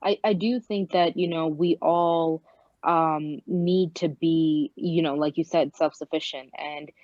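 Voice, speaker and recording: A young woman with a low voice speaks reflectively as a podcast guest, pausing often with soft fillers. Her audio is dry and a little muffled, as if from a home call. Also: steady tone, dry recording. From Bangladesh, raised in New York City. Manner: reflective, hesitant with many fillers. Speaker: guest, actress. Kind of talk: podcast interview.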